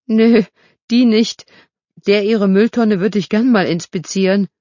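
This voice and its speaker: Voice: mid-range voice, fairly even intonation, measured pace, warm tone, dry recording, voice pushed up, natural voice. A narrator voicing a cheeky, blunt streetwise girl who scavenges bins, in a dull lo-fi recording.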